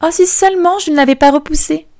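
A spoiled young princess from a storybook, high-voiced and given to exclaiming, as a woman reads her lines. Her tone is mellow and close, with a dry sound. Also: moderate pace, no echo, close to an everyday voice. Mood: wistful. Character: spoiled young princess, haughty then regretful. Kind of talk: storybook reading.

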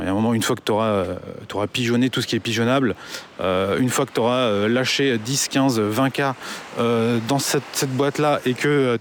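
A man delivers a casual rant, blunt and crude, tripping over fillers as he goes. His voice sits at an ordinary middle pitch. A faint hiss of background noise runs under the recording. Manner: blunt, swears a lot, many fillers. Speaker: online business commentator.

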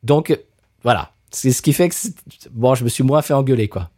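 A man chatting casually while tasting beer, lively and repeating words as he searches for them. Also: medium pitch, moderate pace. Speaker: beer taster. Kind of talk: casual chat.

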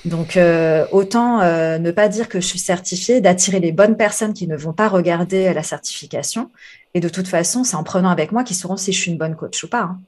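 A woman's voice: fairly low pitch, fairly quick, darkish tone. Frank, reflective woman life coach. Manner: many fillers, reflective and frank. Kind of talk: casual podcast interview.

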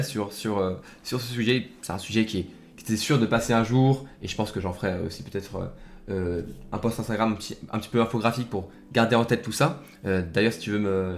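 Young male podcast host, quick and rambly, full of fillers, talks straight to the listener. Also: on the low side. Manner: rambling, many fillers and restarts, friendly direct address. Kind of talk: casual solo podcast talk.

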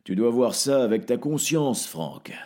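A man reading the part of an old, wise wizard who speaks in solemn, measured counsel. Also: medium pitch, animated, mellow, pitched above the performer's own voice. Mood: grave. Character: old wise male wizard, calm and grave. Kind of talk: audiobook character reading.

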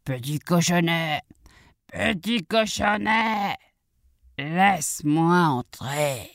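A woman voicing a sly, menacing wolf in a children's storybook reading, drawing out every word in a slow, coaxing way. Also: lowish voice, animated, gravelly, no echo, studio quality, full character voice. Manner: slow drawn-out coaxing delivery. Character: sly menacing big bad wolf, drawling and hungry.

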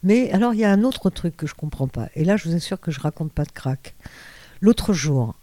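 Older lady rambling thru her old stories, soft mellow voice, lots of umms, dry room. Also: lowish voice, lively intonation, fairly quick, no echo. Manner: rambling, hesitant, many fillers and restarts. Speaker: interviewee, former radio host. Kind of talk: anecdotal storytelling.

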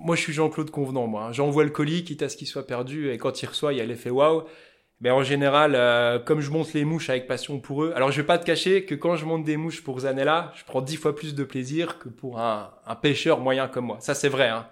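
A man with a Vosges accent, a fly-tying business owner talking loudly and passionately as an interview guest. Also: mid-range voice, steady tone, a little fast. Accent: Vosges French. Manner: loud, passionate, talkative. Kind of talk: casual interview chat.

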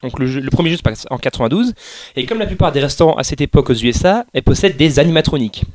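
A man's voice: on the high side, animated, racing, darkish tone. A man hosting a casual chat, explaining things at length with frequent restarts and laughs. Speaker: podcast host presenting a game series.

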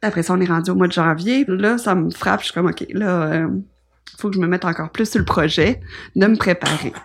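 A woman's voice: lowish voice, fairly quick, vocal fry, slightly rough. A woman in her thirties with a Québécois accent, telling her birth story in a rambling, casual way with many restarts and fillers. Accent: Québécois French. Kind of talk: casual conversation. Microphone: podcast microphone.

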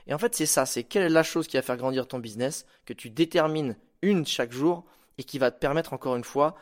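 A man hosting a podcast, giving casual motivational advice in an informal, animated way, with slang and the odd swear word. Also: mid-range voice, fairly quick. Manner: acts out stories with sound effects. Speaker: podcast host.

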